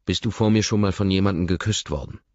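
A man's voice: deep voice, fast, darkish tone, no room sound, muffled recording, pitched above the performer's own voice, close to an everyday voice. A man voicing an intense, controlling rich young man, with a pressing, urgent way of talking in an audiobook reading. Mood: pressing, agitated.

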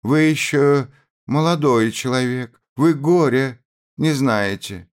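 A man's voice: medium pitch, big pitch swings, extremely slow, warm tone, voice pushed up. A man voicing an aging mother, fierce and grieving, who cries out and pleads in a raised voice. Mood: indignant, pleading.

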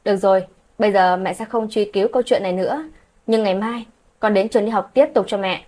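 A woman voicing a hardworking middle-aged mother who scolds her daughter with sharp, demanding questions, in a husky voice. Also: mid-range voice, fairly even intonation, fast, close to an everyday voice. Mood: scolding.

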